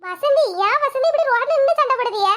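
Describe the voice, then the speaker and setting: A woman's voice: very high-pitched, lively intonation, fast talker, heavy background noise. A woman voicing a peacemaking village neighbor woman who coaxes and mildly scolds. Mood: coaxing.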